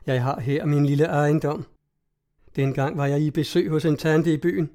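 A witty young woman from an old tale speaks with teasing composure, as a man reads her part. The voice sits a little high and sounds warm and mellow. She comes across as cheerful and sure of herself. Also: steady tone, close to an everyday voice.

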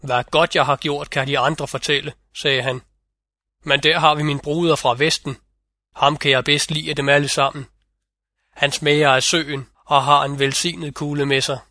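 A man's voice: fairly high pitch, little pitch movement, bright, forceful tone, dry recording, clean studio sound. A man voicing the boastful male North Wind in a fairy-tale audiobook reading. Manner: boastful, vivid storytelling.

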